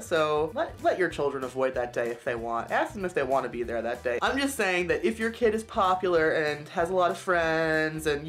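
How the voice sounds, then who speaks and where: A woman's voice: sits low, fairly bright tone. A young woman chatting to her viewers while doing her makeup at home, confiding and talking straight to camera. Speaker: beauty vlogger. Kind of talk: casual makeup tutorial chat.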